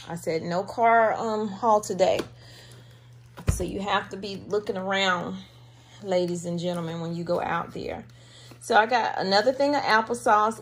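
A woman chatting casually to her viewers from home, talking to them as y'all, filming with a handheld camera. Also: medium pitch. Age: adult with a daughter. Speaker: vlogger showing a grocery haul. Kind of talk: casual chat.

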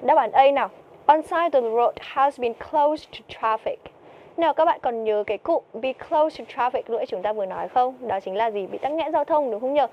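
Woman, English teacher, quiz-style questions, slightly high voice, lo-fi recording. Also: lively intonation, moderate pace. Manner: asks questions and answers them herself. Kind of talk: TOEIC vocabulary lesson.

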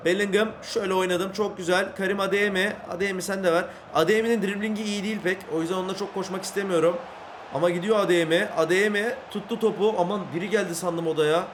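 A man giving excited live commentary on his football video game, yelling at and scolding his players, then dropping to a mutter, recorded in a room at home at night. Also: sits high, fast talker, slight background noise. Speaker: gaming YouTuber.

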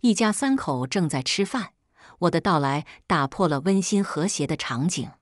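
A woman telling a first-person story in a calm, measured scripted narration. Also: fairly low pitch, no room sound, clean studio sound.

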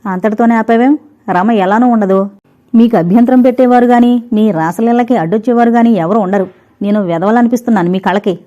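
Woman reading jealous husband, harsh, accusing, warm mellow voice, muffled lo-fi sound. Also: mid-range voice, fast, close to an everyday voice. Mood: angry. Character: jealous suspicious husband, sharp-tongued. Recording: dull lo-fi recording.

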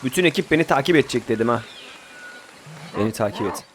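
Young man, casual gameplay commentary, mid-pitched voice, faint game sounds behind. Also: expressive, a bit bright, a little hiss or hum. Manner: chatty, bossing his in-game troop, quick outbursts. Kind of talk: casual Let's Play commentary.

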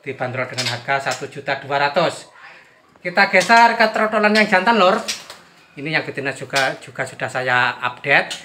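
A man's voice: fairly high pitch, expressive, moderate pace, bright, forceful tone, a little hiss or hum. A man from Indonesia filming a casual sales vlog outdoors at a bird shop, talking chattily and repeating set phrases. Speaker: bird seller.

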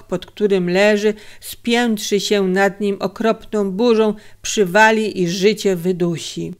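A woman reads a story aloud at an unhurried pace, shaping each sentence dramatically. Her pitch sits in a middle range, and she takes her time between phrases. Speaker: audiobook narrator. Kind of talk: scripted narration.

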